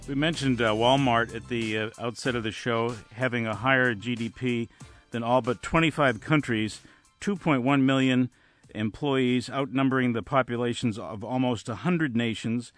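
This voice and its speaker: A male radio talk show host, speaking in a measured way, with occasional uh's and restarts. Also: medium pitch, steady tone, a bit bright, soft background music. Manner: measured, hesitant with fillers.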